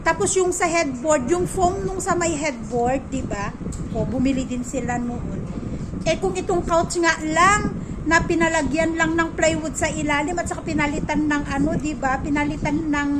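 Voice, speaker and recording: A woman vlogger at home, rambling through a gossipy story in a casual, chatty way and repeating herself. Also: high voice. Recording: noisy home recording.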